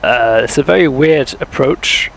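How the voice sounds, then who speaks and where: A man's voice: medium pitch, measured pace, vocal fry, a bit bright, a little hiss or hum, poor audio. A young man, chatting casually while streaming a flight sim, thinking aloud and talking to viewers, with a sore throat. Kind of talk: casual live-stream commentary.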